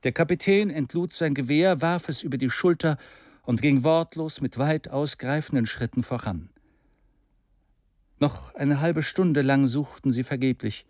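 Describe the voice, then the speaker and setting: Expressive male audiobook narrator. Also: fairly high pitch, unhurried, dry recording, studio quality. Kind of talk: scripted narration.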